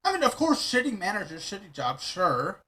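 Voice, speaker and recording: Bright, lively man giving blunt reaction commentary. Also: high-pitched, normal speed, rough recording. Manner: blunt, sarcastic, swears freely. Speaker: streamer reacting to a video.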